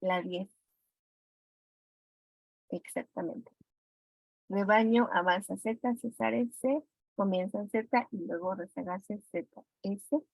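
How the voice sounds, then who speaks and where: In a dry, dull lo-fi recording, a Mexican Spanish-accented woman teacher goes over exam answers step by step, calling on students with questions. She speaks at a measured pace in a mid-range voice with vocal fry and a slightly mellow quality.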